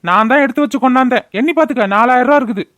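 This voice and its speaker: A woman's voice: high voice, racing, a bit bright, no room sound, dull audio. A woman voicing an eager, respectful young village man who runs errands in a cartoon. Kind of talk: cartoon voice acting.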